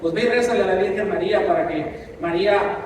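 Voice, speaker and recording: A man's voice: high voice, fast talker, background noise. A man preaching a sermon as pastor, impassioned and mixing in asides. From Mexico. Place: church. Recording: echoey church hall from a distance.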